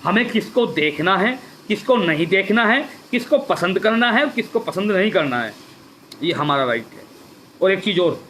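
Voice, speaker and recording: Fervent male activist, high voice, live-stream address over a phone mic, faint hiss behind. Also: fairly bright tone. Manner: fervent, repetitive, rhetorical questions. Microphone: phone or webcam for a live stream.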